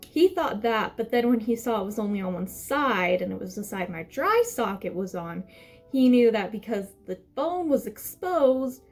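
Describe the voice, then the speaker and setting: High-pitched young woman, chatty storytime. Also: a little mellow. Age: young adult. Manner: rambling, self-correcting, emphatic. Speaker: vlogger telling a personal story.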